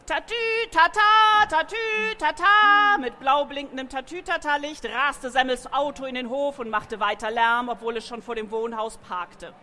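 A woman reading a children's animal story aloud in a lively way, adding sound effects. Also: fairly high pitch, moderate pace, few pauses.

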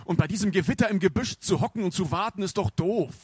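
A man's voice: high voice, quick pace, darkish tone, slightly rough, no echo, pitched above the performer's own voice. Man doing a frightened village boy. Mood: grumpy. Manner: breathless, urgent.

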